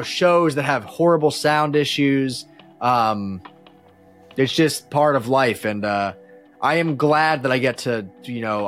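The musician on the podcast keeps chatting casually, telling slangy, meandering stories about his career and often restarting sentences. His voice is mid-range and a bit bright.

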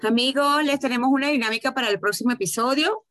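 A woman co-hosting a podcast, chatty and quick to jump in. Her voice sits fairly high. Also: loud music behind the voice. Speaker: podcast co-host. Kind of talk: casual chat.

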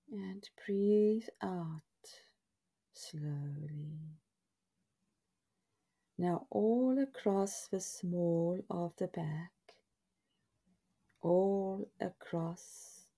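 A woman guides a relaxation in a hushed, breathy half-whisper with a husky softness. Her voice is lowish and very mellow. She speaks in soothing, drawn-out phrases, leaving pauses between them. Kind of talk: scripted guided body scan meditation in a soft, breathy half-whisper.

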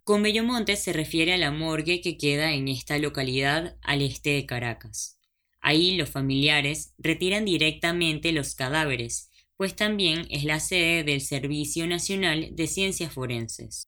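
A woman narrating a podcast in scripted, even, explanatory lines. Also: deep voice, unhurried.

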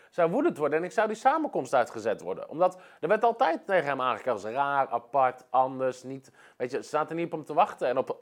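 A man preaching a sermon, telling a story with emphatic repetition. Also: on the high side.

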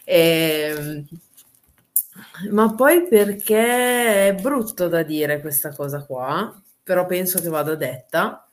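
Low-pitched, blunt woman. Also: slow. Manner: informal, blunt, slangy. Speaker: wrestler and guest. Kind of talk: candid conversational interview.

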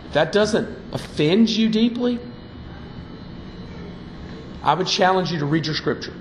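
A man's voice: high-pitched, lively intonation, unhurried, echoey room, a little hiss or hum, rough recording. A man preaching a sermon from the pulpit, fiery and emphatic. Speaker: pastor. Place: church sanctuary.

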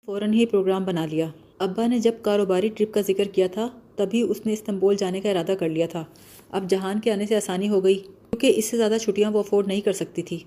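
A woman narrates a novel aloud in steady, scripted storytelling. Her voice is mellow and warm, at a middle pitch for a woman. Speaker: audiobook narrator.

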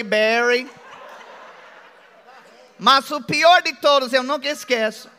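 A middle-aged man with an American accent, preaching a sermon as pastor in a joking, conversational way with drawn-out phrases. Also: extremely high pitch, creaky, sharp tone. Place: church hall. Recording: long hall reverb.

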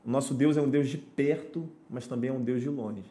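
A man's voice: medium pitch, brisk, dark tone. A man, a pastor, telling his conversion story on a podcast in an earnest, preacherly way. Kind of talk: podcast testimony.

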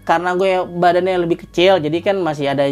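A woman spins a story in casual slang, acting out the voices of the people in it. Her voice sits a little low for a woman. She talks into a podcast microphone. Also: fast talker. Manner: lively, slangy, acts out quoted voices. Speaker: guest storyteller.

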